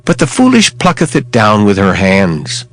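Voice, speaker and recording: A man giving a dramatized scripture reading in a measured, declamatory way. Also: lowish voice, wildly swooping pitch, a bit bright. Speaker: scripture reader. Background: background music.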